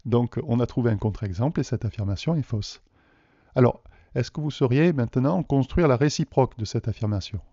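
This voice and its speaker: A man's voice: medium pitch, brisk, warm tone, dry recording. A man from France teaching a math lesson in a video, explaining patiently and putting questions to the viewers. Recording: dull, dry lo-fi voice recording.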